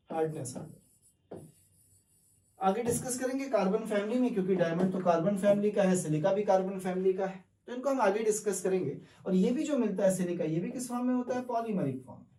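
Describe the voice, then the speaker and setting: Speaking a little fast in a high-sitting voice with a dark tone, a man lectures on chemistry in a classroom. He works through the material step by step, raising questions and answering them, with English words mixed in. He is far from the mic in an echoey room.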